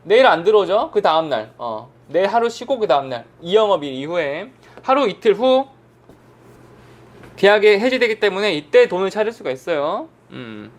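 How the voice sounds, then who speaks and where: A man lecturing for an online exam prep course, his voice sitting high and swinging widely up and down. He talks casually, throwing questions at the class and answering them himself. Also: moderate pace. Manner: animated, asks and answers his own questions. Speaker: insurance exam instructor.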